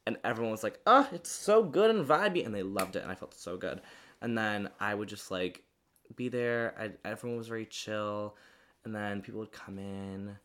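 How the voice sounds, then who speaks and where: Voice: low voice, fairly even intonation, normal speed. A young adult co-host in casual podcast chat, rambling with lots of fillers. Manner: rambling, full of fillers and restarts.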